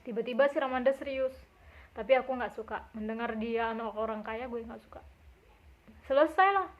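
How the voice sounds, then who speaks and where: Young woman, casual vlog storyteller, high voice, animated quotes, muffled lo-fi sound. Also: a little fast. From Indonesia. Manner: lively, acts out quotes with raised voice. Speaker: vlogger. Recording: dull lo-fi recording.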